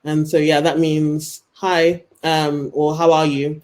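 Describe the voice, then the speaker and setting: A woman's voice: low-pitched, little pitch movement, slow pace, darkish tone. A young woman, a guest author, chatting casually on a video call and talking hesitantly with lots of "um" and "like". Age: young adult. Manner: hesitant, many fillers like um and like.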